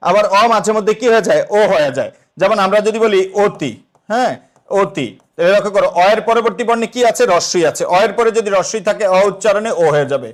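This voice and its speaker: A young man teaching an exam-prep lesson, asking the students questions and then answering them himself. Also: sits high.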